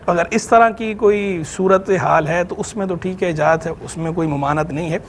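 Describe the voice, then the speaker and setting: A man's voice: sits high, normal speed, slight background noise. A man with a Pakistani Urdu accent, an Islamic scholar on a TV program, explaining religious rules and grammar patiently and methodically. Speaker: Islamic scholar answering questions. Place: TV studio.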